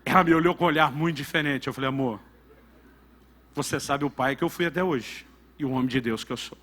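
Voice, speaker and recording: Bright-voiced Brazilian pastor preaching. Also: male voice, mid-range voice, fast talker, a little hiss or hum. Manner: animated storytelling, swings from loud to hushed. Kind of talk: sermon storytelling.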